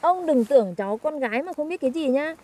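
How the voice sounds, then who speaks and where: A woman's voice: high voice, expressive, fast, mellow, no echo. A young woman, teasing and chatty as a granddaughter in a comedy skit.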